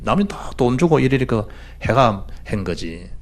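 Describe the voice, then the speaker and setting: A male pastor with a Gyeongsang accent delivers a sermon in a mid-pitched voice. His pitch leaps and falls freely. He pushes out loud exhortations and then drops into quiet, hushed asides. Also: very animated, a little slow. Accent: Gyeongsang Korean. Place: church.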